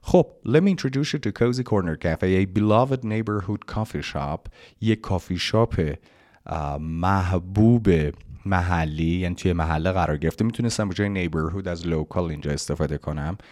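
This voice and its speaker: A man from Iran, teaching an English pronunciation lesson and reading English phrases slowly and carefully. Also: low voice, a little mellow. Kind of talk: language lesson explaining pronunciation.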